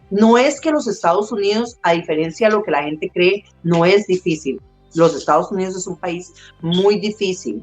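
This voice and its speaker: A woman, a guest talking from her home over a video call in a proud, chatty way with many fillers. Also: mid-range voice. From United States, Costa Rican parents. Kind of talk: casual interview conversation.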